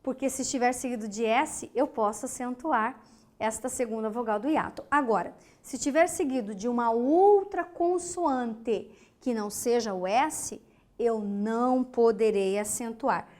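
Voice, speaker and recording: A woman's voice: on the high side, darkish tone. A woman from Brazil teaching an online grammar lesson, speaking emphatically, asking questions and answering them herself, and spelling words out syllable by syllable. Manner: slow, emphatic, asks and answers her own questions.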